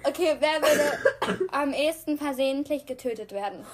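A young woman playing a quick-fire party game with a friend, chatty and quick to protest with a laugh. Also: high-pitched, noisy background. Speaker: co-host. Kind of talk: casual chat game.

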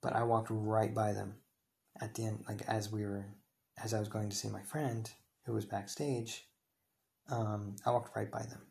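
Young male podcaster, low gravelly voice, rambling and heated delivery. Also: flat delivery, a little slow, a little mellow. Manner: rambling, heated, many restarts and fillers. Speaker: podcast host. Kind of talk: casual storytelling monologue.

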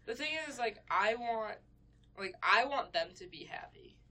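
A woman's voice: fairly high pitch, expressive, a little slow, pushed and bright. A young woman co-hosting a casual podcast, rambling with lots of fillers and restarts, laughing often. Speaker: podcast co-host. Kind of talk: casual chat.

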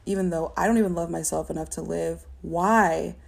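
A young woman giving a personal testimony in an interview, talking in a halting, reflective way with many fillers and a stutter. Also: lowish voice, steady tone, creaky, darkish tone. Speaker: interview guest.

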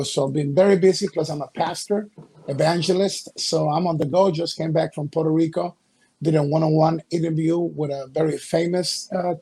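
A middle-aged man from Ecuador, a wrestling promoter and pastor, answering interview questions in a halting way with many fillers. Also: a little high, warm tone, husky.

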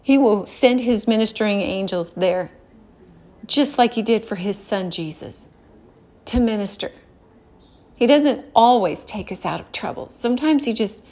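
A middle-aged woman giving a gentle, earnest devotional talk about a childhood memory and faith, often pausing and restarting. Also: medium pitch. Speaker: devotional speaker.

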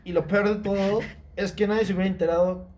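A young Mexican man recounts a story in loose, slang-filled casual chat. His voice sits a bit higher than most men's. A faint hiss of noise runs under the recording. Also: steady tone, fast talker, a little mellow.

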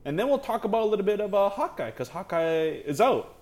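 A man co-hosting a casual podcast chat, talking in a relaxed, rambling way full of fillers. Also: high-pitched, quick pace. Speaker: podcast co-host.

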